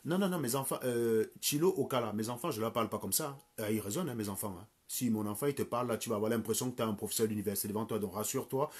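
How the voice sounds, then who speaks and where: Streaming live from home, a man in his thirties delivers an insulting, crude, scornful rant as a livestream commentator. His voice is a little high and husky.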